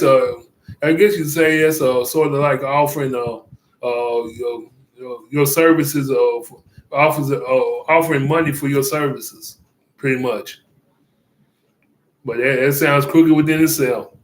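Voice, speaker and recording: A man giving casual commentary, rambling and halting with many fillers and restarts, chuckling often. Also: mid-range voice, steady tone, roomy sound, low-quality recording.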